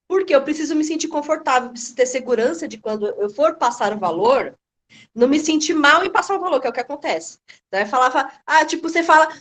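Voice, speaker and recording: Woman, course participant on a group call; lively storyteller who acts out dialogue, slightly high voice. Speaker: course participant sharing her experience. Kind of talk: casual chat on a group video call.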